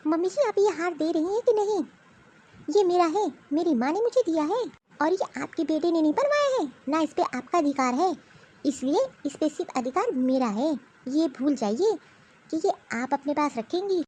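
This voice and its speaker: A woman's voice: very high voice, lively intonation, normal speed, darkish tone. A woman voicing a young elder daughter-in-law in a cartoon, earnest and firm in her manner. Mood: defiant. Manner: earnest, pleading then firm. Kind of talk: cartoon voice acting.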